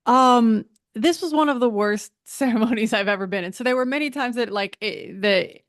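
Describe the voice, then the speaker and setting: A woman's voice: fairly high pitch, normal speed, no echo, studio quality. A woman hosting a podcast, chatting casually with many restarts and asides. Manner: chatty, self-interrupting with frequent restarts. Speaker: podcast host. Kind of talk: conversational interview.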